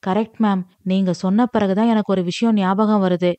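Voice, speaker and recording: Sharp young office girl, read by a woman, eager and explaining, dry sound. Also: medium pitch, steady tone, normal speed, no room sound, muffled recording, lightly acted. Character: clever young woman coworker, eager and observant.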